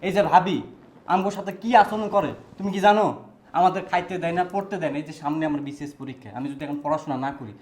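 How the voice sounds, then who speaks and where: A man's voice: on the high side, steady tone, very fast, darkish tone, natural voice. A man playing a studious young man who pleads and protests against his family. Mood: protesting.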